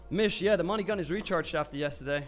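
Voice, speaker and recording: Over soft background music, a Swiss live trading stream host speaks at a quick pace in a slightly high voice. His chat with viewers is loose and candid as he answers their comments, with frequent fillers and the odd curse.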